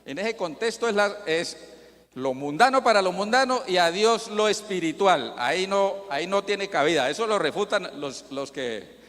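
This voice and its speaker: A man's voice: sits high, lively intonation, normal speed, a bit bright. A man preaching a sermon to his congregation, asking them rhetorical questions, answering them himself, and citing Bible chapter and verse as he goes. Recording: long reverb from a large hall.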